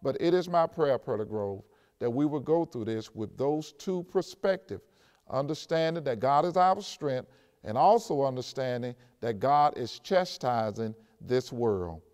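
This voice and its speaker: An older pastor preaching a sermon at a pulpit in an empty church, slowing down to stress scripture and speaking straight to his congregation. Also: mid-range voice, animated, darkish tone. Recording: long church reverb.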